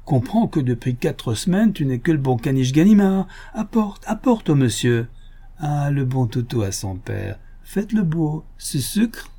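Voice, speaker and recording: A man reading the part of a cocky, mocking gentleman thief in an audiobook, taunting and condescending. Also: a little high, lively intonation, normal speed, hardly any pauses, voice pushed up.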